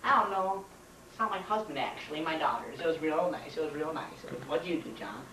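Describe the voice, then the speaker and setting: A goofy, chirpy female high school teacher impression by a young man, indulgent and repetitive. It is an amateur comedy skit, captured from a distance in a roomy kitchen with background noise. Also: lively intonation, brisk, bright, forceful tone. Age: young adult. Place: home kitchen. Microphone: camcorder a few feet away. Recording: noisy, roomy home camcorder audio.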